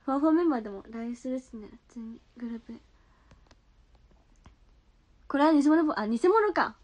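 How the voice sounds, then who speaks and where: Streaming live from home, a young woman chats casually and giggles as she reacts to viewer comments on her phone. Her voice sits high, and she speaks fast and animatedly.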